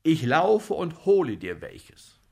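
A man voicing an agitated, boozy male comic actor who fusses loudly over a sick friend. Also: slow pace, creaky, breathy edge, exaggerated voice. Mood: fussing. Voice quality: loud, excitable, high-pitched.

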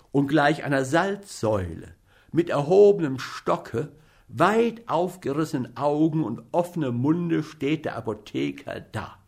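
A man narrating a story aloud with measured, theatrical delivery. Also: mid-range voice, vocal fry, slightly rough. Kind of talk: dramatic story reading.

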